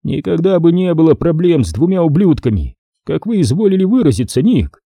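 A man's voice: fairly high pitch, big pitch swings, brisk, mellow, no room sound, clean studio sound, voice pushed up. A man reading an audiobook voices a depraved, scheming middle-aged major who speaks with cold irony and condescension. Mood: mocking. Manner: ironic, condescending.

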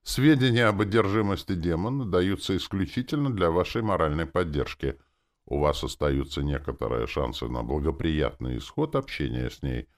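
A man's voice: low-pitched, sing-song, normal speed. A man voicing a formal talking magic program that delivers an officious announcement in an audiobook.

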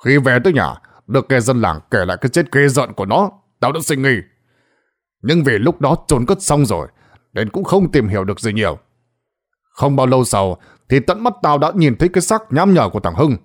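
Man voicing a gruff old village sorcerer. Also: medium pitch, very animated, a little fast. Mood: stern. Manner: gruff, scolding, commanding. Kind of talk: ghost story narration.

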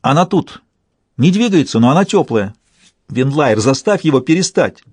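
A man's voice: on the high side, big pitch swings, normal speed, darkish tone, husky, dry recording, voice pushed up. A man reading an audiobook and voicing a frightened, helpless young woman who whimpers and squeals. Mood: panicky.

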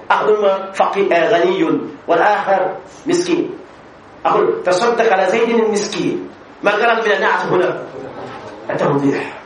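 A man teaching an Arabic grammar class as a sheikh, asking questions, answering them himself and repeating example phrases. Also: sits high. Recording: echoey room with faint background noise.

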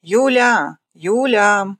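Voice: mid-range voice, steady tone, a little fast, fairly bright tone, no room sound, studio quality, close to an everyday voice. A reader putting on a barking, bossy hospital nurse. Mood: commanding. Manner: commanding, barking orders. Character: stern bossy female endoscopy nurse.

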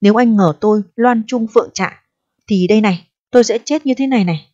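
A woman's voice: fast talker, warm tone, no echo, natural voice. A woman voicing a distressed, proud eighteen-year-old pregnant girl who pleads and reproaches in a storybook reading. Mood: pleading reproach. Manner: pleading and reproachful, turning shrill when upset. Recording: dull, dry audio.

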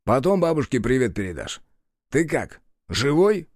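A man's voice: mid-range voice, sing-song, moderate pace, darkish tone, no echo, studio quality, close to an everyday voice. Man as a coarse, mocking guardian. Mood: gruff. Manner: coarse, bossy, sarcastic. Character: crude sardonic male guardian, bossy and mocking.

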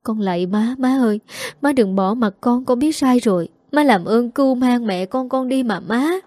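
Narrator doing a weeping young daughter begging her mother, higher voice, dark tone. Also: moderate pace, no room sound, lightly acted. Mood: desperate begging. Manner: pleading, tearful sobbing delivery. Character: young woman, remorseful runaway daughter begging forgiveness.

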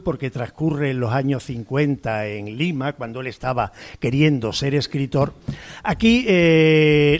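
A man on a radio program, talking loosely about a novel with many fillers and restarts, then reading a page aloud. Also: mid-range voice. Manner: hesitant, full of "eh" fillers and restarts, explanatory. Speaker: guest reader on a radio program. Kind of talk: conversational literary talk and reading aloud.

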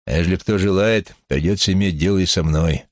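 A man voicing a folksy, tough small-town man who stands up for his friend, with a rough, plain way of talking. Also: sits low, fairly quick, no room sound, studio quality, lightly acted. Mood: gruff. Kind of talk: audiobook character voice.

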